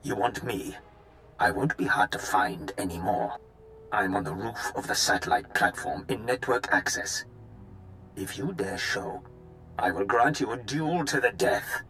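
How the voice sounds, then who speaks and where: An actor playing a cold, arrogant rogue agent who speaks in a formal, threatening way in game dialogue. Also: male voice, on the low side, expressive, measured pace, bright, forceful tone, soft background music. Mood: menacing.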